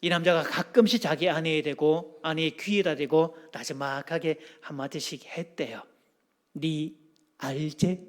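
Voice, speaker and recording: A pastor preaches in a high, bright-pitched voice. He keeps the sermon lively and humorous, and he throws questions out to the congregation as he goes. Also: normal speed, hardly any pauses. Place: church sanctuary.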